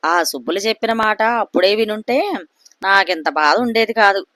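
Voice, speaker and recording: A woman reading the part of a sharp-tongued, jealous wife who scolds her husband, in a spoken family story. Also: medium pitch, moderate pace, no room sound, lightly acted. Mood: wailing. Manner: scolding, snappish.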